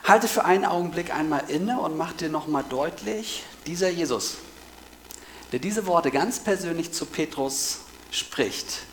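A man's voice: on the high side, expressive, measured pace, a little hiss or hum, rough recording. Earnest man preaching a devotional. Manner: earnest, emphatic repetition of key phrases. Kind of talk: devotional Bible reading and address.

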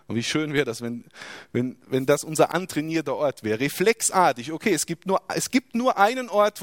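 A man's voice: fairly high pitch, no room sound, clean studio sound. A man preaching a sermon, asking rhetorical questions and dropping his voice for emphasis.

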